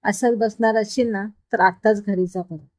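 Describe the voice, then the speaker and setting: Lady reading as a bossy young office girl, sharp scolding voice, dry sound. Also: mid-range voice, fairly even intonation, normal speed, no echo, close to an everyday voice. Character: young woman office worker, bossy, quick-tempered, caring.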